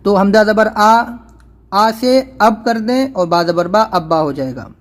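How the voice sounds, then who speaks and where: A high-voiced man leads a beginners' Quran reading lesson. He is patient and repeats each spelling slowly and firmly. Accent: Urdu. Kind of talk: step-by-step recitation lesson.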